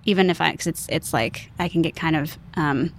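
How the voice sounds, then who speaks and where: A woman chatting casually as a guest, talking quickly and laughing easily. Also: low-pitched, a little hiss or hum. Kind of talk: casual chat.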